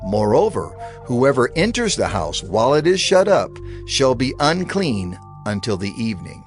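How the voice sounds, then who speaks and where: Reading scripture at normal speed, a male narrator keeps a steady, reverent tone while his mid-range voice carries a lively, expressive melody. Faint, soft music plays in the background.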